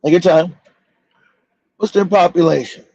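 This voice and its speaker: A man's voice: high-pitched, measured pace, dark tone, breathy edge, no room sound, muffled recording. A man hosting a livestream talk show, delivering fiery, profane, repetitive commentary. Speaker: show host.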